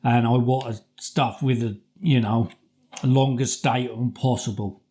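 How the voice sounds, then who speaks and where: A middle-aged British man telling a personal story casually, in a halting, repetitive, colloquial way. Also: medium pitch, fairly even intonation, mellow. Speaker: vlogger.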